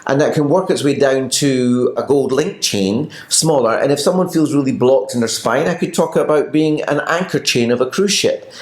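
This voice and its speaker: A man's voice: mid-range voice, moderate pace, darkish tone. A man with a Scottish accent, a Pilates teacher co-hosting a casual chat, with wry, teasing asides. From Scotland. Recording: roomy echo.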